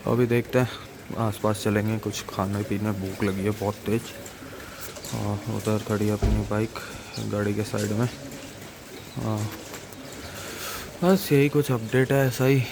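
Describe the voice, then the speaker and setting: A man's voice: lowish voice, fairly even intonation, measured pace, pauses often, background noise. A man from Faridabad, India, talking casually to the camera as a travel vlogger, chatting with viewers like friends. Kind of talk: casual vlog chat to camera.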